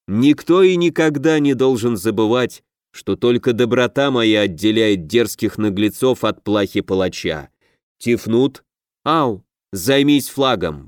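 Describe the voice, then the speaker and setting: A pompous half-orc pirate who would be king, lordly and self-important, his voice pushed low and heavy, as a male reader puts him on. He speaks from a close, dry mic. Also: a little mellow, dry recording.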